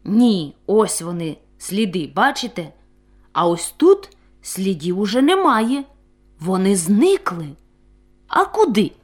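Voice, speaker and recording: A woman voicing an eager, boastful male puppy who tracks footprints in a storybook tale, excited and commanding. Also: mid-range voice, takes it slowly.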